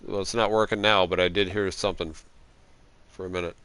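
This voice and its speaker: A man chats loosely on a live game stream, trailing off and filling gaps with "uh" as he troubleshoots. His voice sits low and sounds smooth and clear. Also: dry recording. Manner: relaxed, halting with fillers while troubleshooting. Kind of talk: casual live-stream chat.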